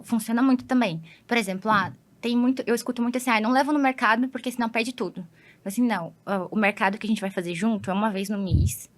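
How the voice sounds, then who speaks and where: A woman psychologist with a Brazilian accent, patiently explaining things with everyday examples as a podcast guest. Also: a little high.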